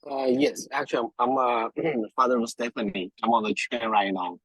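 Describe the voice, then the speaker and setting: A man from China joining a video call from a train, speaking in a hesitant, halting way. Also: medium pitch, fairly even intonation, a bit bright, breathy edge, dry recording, poor audio. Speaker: parent of a student. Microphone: phone on a video call.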